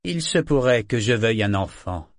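A man's voice: mid-range voice, lively intonation, normal speed, no echo, clean studio sound, close to an everyday voice. A man voicing a smug, self-assured pirate captain who speaks coolly and curtly. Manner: cool, smug and clipped.

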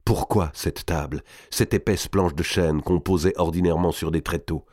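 A man reading a historical novel aloud in a dramatic, measured narration. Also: low voice, fairly even intonation, darkish tone, slightly rough, no echo, studio quality.

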